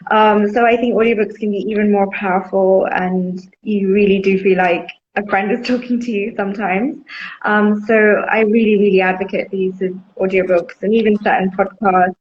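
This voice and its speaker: A woman's voice: mid-range voice, steady tone, moderate pace. A woman guest in a casual interview, talking in an enthusiastic, chatty way with plenty of fillers. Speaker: guest, bibliotherapy advocate. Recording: dull lo-fi sound with faint noise.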